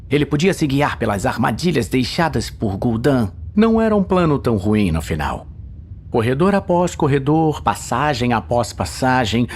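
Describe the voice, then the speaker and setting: A Brazilian-accented man narrates a scripted fantasy audio story dramatically, his medium-pitched voice set over a music soundtrack with sound effects. There is slight background noise.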